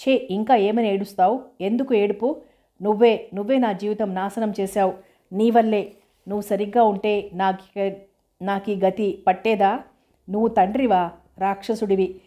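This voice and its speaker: Woman reading as a grieving young widow, angry, accusing, low-key storybook delivery. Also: fairly even intonation, moderate pace, mellow, lightly acted. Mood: furious, accusing. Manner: accusing, bitter outburst. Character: young newly widowed woman, grief-stricken and furious.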